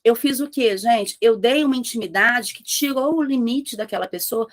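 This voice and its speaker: A woman's voice: on the high side, moderate pace. A woman mentoring business owners, speaking with emphasis and firing rhetorical questions at her listeners. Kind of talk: motivational talk to entrepreneurs.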